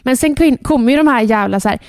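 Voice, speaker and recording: A woman in her thirties, a podcast co-host, telling a story in a lively, animated way and acting out her own shouts. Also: a little high, dry recording, clean studio sound. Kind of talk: casual chat.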